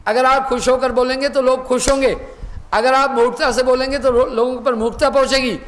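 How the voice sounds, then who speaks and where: A man, a spiritual teacher, giving a sermon and telling a parable, acting out the dialogue and reciting verse slowly. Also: extremely high pitch, little pitch movement, a bit bright, in a large hall. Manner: storytelling, acts out dialogue, slow recited verse.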